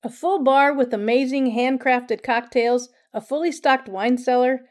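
A woman's voice: high voice, unhurried, a little mellow, soft background music. A woman hosting a local promotional video, reading a cheerful scripted voice-over. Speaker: real estate agent host.

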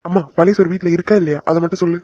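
A voice actor playing a gentle young son back home in a cartoon, reassuring his mother and sister. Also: medium pitch, flat delivery, very fast, dry recording, muffled recording, lightly acted. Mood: warm. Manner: soothing, reassuring. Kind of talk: cartoon voice acting.

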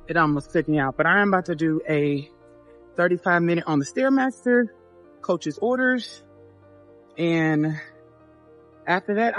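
A woman in her thirties, a fitness vlogger, chatting to camera in an upbeat, motivational way from a phone at arm's length. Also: on the low side. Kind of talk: casual vlog talk to camera. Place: gym and parked car.

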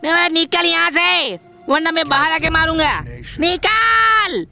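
A man voicing a hot-headed, brash young male game hero in a playful gameplay voiceover, bossy and quick to shout threats. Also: high-pitched, animated, faint music behind, heavily acted.

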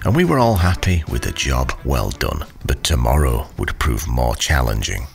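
A man's voice: extremely low pitch, sing-song, moderate pace, creaky, faint music behind. A man giving scripted voice-over narration with dry, wry humor.

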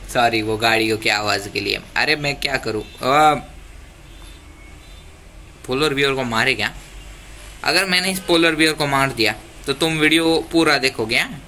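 A man's voice: medium pitch, unhurried, pauses often, bright, forceful tone. A man giving casual, joking commentary while playing a game, talking to his viewers. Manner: chatty, joking, pleads with viewers. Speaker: gaming YouTuber. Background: faint ambient noise, passing traffic.

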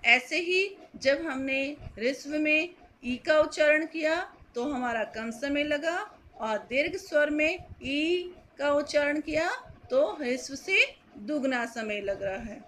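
Female teacher, slow careful explanation, faint background noise. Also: high voice, a bit bright. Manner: slow, careful, repeats key points. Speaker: Hindi grammar teacher. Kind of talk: classroom lesson.

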